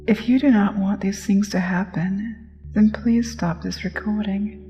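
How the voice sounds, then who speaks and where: A woman narrating a scripted guided hypnosis in a soft, soothing, measured way. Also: mid-range voice, steady tone, in a large hall. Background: music.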